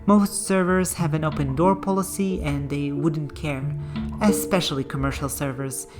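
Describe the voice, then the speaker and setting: A language-learning channel host, a woman with a notably low voice, delivers a scripted voice-over in a calm, measured, explanatory way. A clear music bed runs underneath, and she speaks as a voice-over rather than from within the game.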